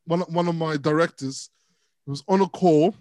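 A man's voice: on the high side, moderate pace, no room sound. A young man co-hosting a podcast, telling stories in casual chat and laughing often. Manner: animated storyteller, laughs often. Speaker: podcast co-host.

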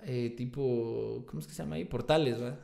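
A young Guatemalan man who sings and plays guitar in a band appears as a guest, telling a story in casual slang packed with tag questions and swearing. His mid-range voice is brisk and warm, with some vocal fry.

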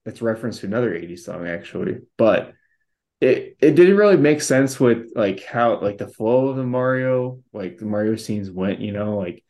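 Lively in intonation, this man's voice is on the low side and darkish, at a moderate pace. As a podcast co-host in casual chat, he rambles, often using fillers and restarting his sentences.

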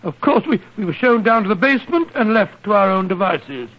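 An actor playing a bumbling, nervous British doctor and sidekick, stammering and huffy, in 1940s radio style. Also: male voice, high-pitched, big pitch swings, a little fast, exaggerated voice. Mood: storytelling. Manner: stammering, huffy, old-fashioned British idiom. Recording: dull 1940s radio recording.

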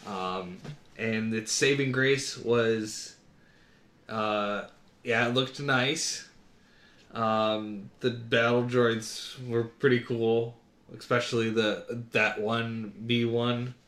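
A man's voice: medium pitch, fairly even intonation, very slow, fairly bright tone, roomy sound. A man co-hosting a casual podcast chat, hesitant with many "uh"s and "um"s. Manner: hesitant, lots of "uh" and "um". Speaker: podcast co-host.

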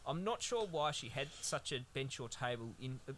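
A man's voice: medium pitch, very animated, normal speed, over a noisy crowd. A man co-hosting a podcast, recapping a film in a rambling, sweary, laid-back way. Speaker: podcast co-host. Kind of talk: casual film-review chat.

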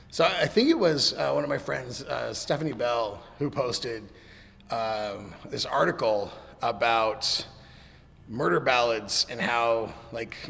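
A man with a slightly gravelly smoker's rasp chatting casually and informally about music. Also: medium pitch, a bit bright. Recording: reverberant room with background noise.

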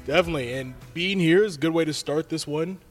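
A man's voice: a little high, fast talker, faint music behind. A young man hosting a student sports radio show, upbeat, introducing guests and reading sponsor spots.

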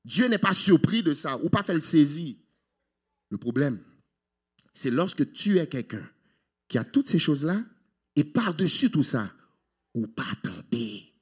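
A man preaching a sermon as pastor, animated, with sudden high exclamations and English phrases mixed in. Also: a little slow, pauses often, breathy edge.

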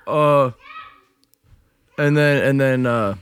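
A man's voice: medium pitch, drawn-out words, clean tone. A young man, a podcast co-host and performing musician, chatting casually in a blunt, profane, rambling way full of fillers. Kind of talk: casual chat. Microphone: studio microphone.

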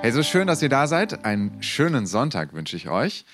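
A man's voice: medium pitch, moderate pace, loud music behind the voice. Male pastor, 30s, medium voice, conversational sermon full of personal stories. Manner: lively, conversational storytelling to a congregation.

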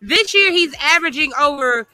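Emphatic bright-voiced woman ranting. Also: sits high, animated, normal speed, dry recording, faint music behind. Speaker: co-host. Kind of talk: casual sports chat.

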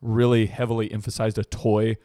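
A man's voice: lowish voice, completely flat delivery, brisk, dark tone, no echo, studio quality. A man co-hosting a casual podcast chat, joking, laughing often and mimicking movie lines. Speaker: podcast co-host.

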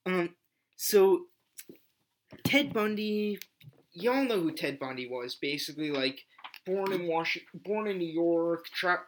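Sarcastic young podcast host with hiss. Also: male voice, high voice, expressive. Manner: sarcastic, mock-reading a letter with halting restarts. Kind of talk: casual comedy podcast chat.

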